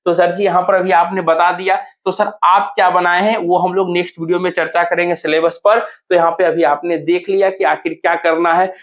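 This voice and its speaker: High-voiced Bihari Hindi coaching teacher. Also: male voice, flat delivery, fairly bright tone. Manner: asks and answers his own questions, slows to repeat key words. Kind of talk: promotional exam-prep lesson.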